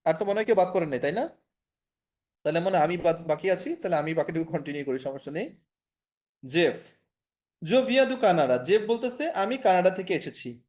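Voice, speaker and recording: A man's voice: high-pitched, expressive, brisk, a little mellow. A man from Bangladesh teaching French over a video call, explaining in Bengali with English and French phrases mixed in and many fillers. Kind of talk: online class lecture.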